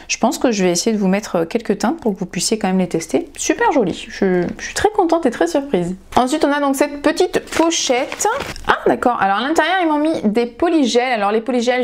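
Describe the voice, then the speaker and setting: A young woman talks through a haul at an easy, chatty pace. Her voice sits at a middle pitch and gets bright and gushing whenever something catches her eye. It is a casual, personal vlog delivery. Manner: chatty and enthusiastic, gushing over products. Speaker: nail vlogger.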